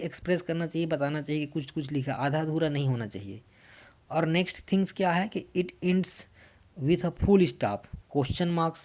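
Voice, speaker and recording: A man from India teaching an English grammar lesson for exam students, explaining in Hindi mixed with English, asking questions and answering them himself, and reading English example sentences slowly with an Indian accent. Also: a little high, darkish tone.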